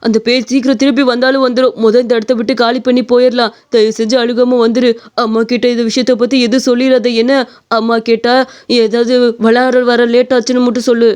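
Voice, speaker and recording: Woman doing a bold young cartoon uncle, argues a lot, high-pitched voice. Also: flat delivery, a little fast, darkish tone, clear, resonant tone, close to an everyday voice. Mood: worried. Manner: brash, argumentative. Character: young village man, bold uncle, brash and plotting.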